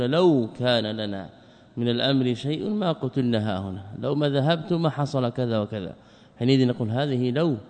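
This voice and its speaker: A man in the middle of a pitch range teaches a religious text phrase by phrase. He repeats words and asks rhetorical questions. The room adds a long, trailing reverb. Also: a little mellow. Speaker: Islamic scholar teaching a text. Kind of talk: classroom commentary lesson. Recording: long reverb of a lecture hall.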